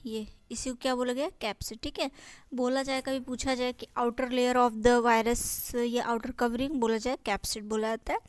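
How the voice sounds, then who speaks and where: A woman teacher with an Indian accent, going through exam notes, reading English lines slowly and explaining them in Hindi, often asking and answering her own questions. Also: fairly high pitch, no room sound. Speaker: biology teacher. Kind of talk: exam-prep lesson.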